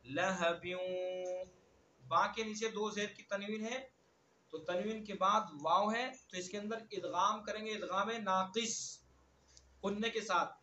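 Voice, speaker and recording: Bright high-voiced man teaching recitation. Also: steady tone, roomy sound, lo-fi sound, slight background noise. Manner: slow drawn-out recitation of verses between quick explanations; repeats words over and over to drill pronunciation. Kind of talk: online tajweed lesson.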